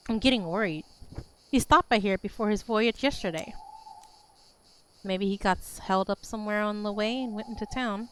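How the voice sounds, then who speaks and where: A woman's voice: medium pitch, normal speed, close to an everyday voice. A woman reading a worried old village elder. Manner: weary, pleading, then gruff. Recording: noisy recording.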